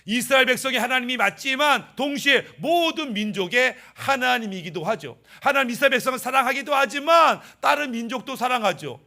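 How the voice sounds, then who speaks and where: A male pastor preaching a Sunday sermon, animated, swinging between a raised voice and quiet asides. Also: very high voice.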